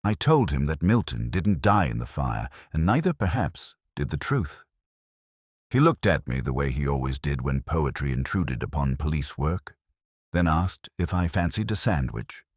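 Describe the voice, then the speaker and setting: Heavily acted and extremely low-pitched, this man portrays a literary, melancholy police detective looking back on a case. The scripted mystery narration is measured, solemn and reflective. The studio sound is clean and dry.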